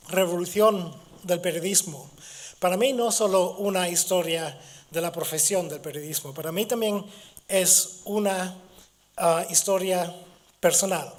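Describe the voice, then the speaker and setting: A high-voiced middle-aged man from Gibraltar, speaking his native English, lectures at a university as a guest. A cold has made him hoarse, and his delivery is halting, full of restarts and fillers.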